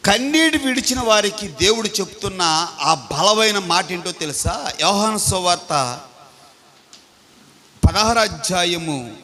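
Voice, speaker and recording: High-voiced preaching man in a reverberant hall. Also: expressive, measured pace, pauses often, bright, forceful tone. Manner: preaching with call-and-response questions to the congregation. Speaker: pastor. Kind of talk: sermon. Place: large church hall.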